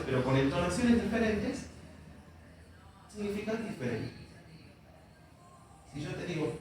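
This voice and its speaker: Echoey man teaching a class. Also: on the high side. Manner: explains patiently, often checking in with students. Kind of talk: classroom lecture. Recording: echoey room from far off, faint noise.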